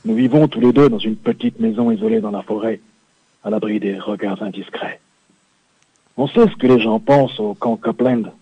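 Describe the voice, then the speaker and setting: A man's voice: on the low side, sing-song, moderate pace, creaky, breathy edge, dry recording, exaggerated voice. A man on a phone line into a radio studio, playing a boastful, suggestive macho biker sidekick from a video game in a comic sketch. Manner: swaggering, suggestive, self-satisfied. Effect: over a phone line into a radio studio. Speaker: caller doing a comedy bit. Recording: dull lo-fi dry phone line.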